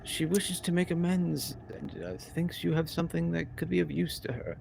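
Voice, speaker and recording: A man voicing an old human wizard in a creaky, loud, formal old man voice. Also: fairly high pitch, moderate pace, slight background noise, pitched above the performer's own voice. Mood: calling out.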